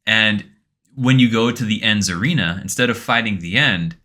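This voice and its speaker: Laid-back man with a bright tone. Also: fairly low pitch, normal speed. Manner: laid-back, swears casually, rambling. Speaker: podcast co-host. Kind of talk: casual chat.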